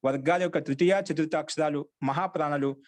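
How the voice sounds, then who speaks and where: A man's voice: fairly high pitch, fairly even intonation, a little fast, a little mellow. A man teaching a Sanskrit grammar class online, repeating questions and answering them himself in a call-and-response way.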